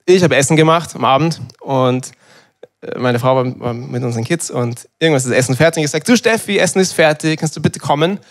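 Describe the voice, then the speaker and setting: Guy in his 30s preaching, kinda high voice, chatty, acts stuff out. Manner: lively, conversational, acts out dialogue. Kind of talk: sermon.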